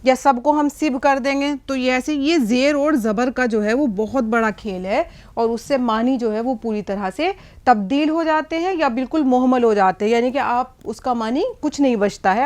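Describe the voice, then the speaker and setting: A woman with a notably high voice teaches at a board in an unhurried, explanatory way. She is middle-aged and keeps pausing to check that the listener is following. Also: a little mellow. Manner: patient explaining, frequent checks like "hai na?" and "theek hai". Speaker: Urdu teacher. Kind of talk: whiteboard language lesson.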